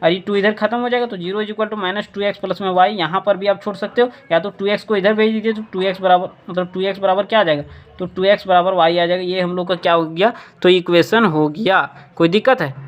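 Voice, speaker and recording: Man, maths teacher, high voice, repeats key points, asks and answers own questions, from india. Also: fairly even intonation, fast talker, lo-fi sound. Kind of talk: step-by-step board lesson.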